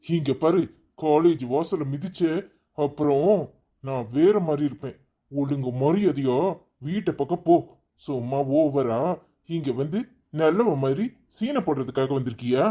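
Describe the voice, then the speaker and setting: A man's voice: on the high side, a little slow, mellow. A man voicing an angry, stubborn young husband who teaches at a college, scolding and dismissing his wife in a cartoon story.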